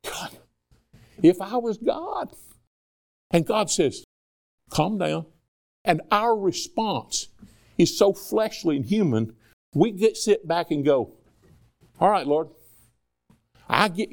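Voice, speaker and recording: A man preaching a sermon in a conversational, animated way, asking the congregation rhetorical questions. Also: on the high side, vocal fry.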